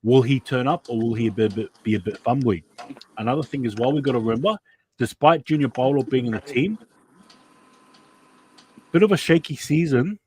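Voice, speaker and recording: Male host, casual footy preview chat, mid pitch, lots of restarts. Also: brisk, long pauses, a little mellow, slight background noise, low-quality recording. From New Zealand. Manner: chatty, repeats words and restarts often. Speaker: podcast host.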